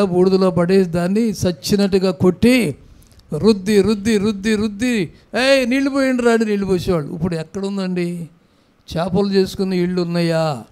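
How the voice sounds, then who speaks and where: A man's voice: high-pitched, darkish tone, smooth. A man preaching a sermon as pastor, with an Andhra Telugu accent, urging the congregation to answer aloud into a microphone in a church. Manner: exhorting congregation to respond aloud.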